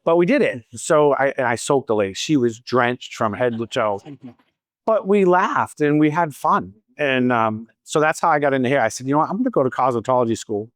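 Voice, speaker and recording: Animated and brisk, this mid-range male voice belongs to a Boston salon owner in his fifties with a slight accent. In a casual Q&A at a training event, he answers the audience and tells stories with wry asides. The audio is studio quality with no echo.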